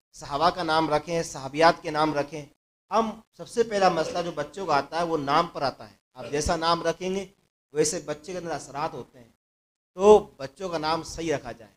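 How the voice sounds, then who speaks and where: Giving a religious talk at a mosque, a mufti earnestly recounts a moral tale to the gathering. His voice is a little high, he repeats phrases, and he grows louder at important points.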